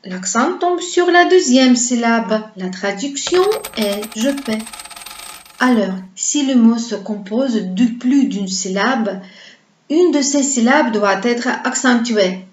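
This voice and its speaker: Slow, patient woman teaching a language. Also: a little high, lively intonation, slight background noise. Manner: explains patiently and asks viewers to repeat words. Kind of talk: slow, carefully paced pronunciation lesson. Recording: roomy, slightly dull lo-fi sound.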